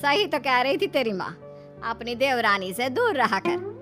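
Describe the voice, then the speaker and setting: A woman plays a spiteful middle-aged cartoon mother-in-law who schemes and scolds in a raised, sharp voice. Her pitch sits fairly high, and faint music plays underneath. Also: big pitch swings, normal speed. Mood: dismissive. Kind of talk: cartoon voice acting.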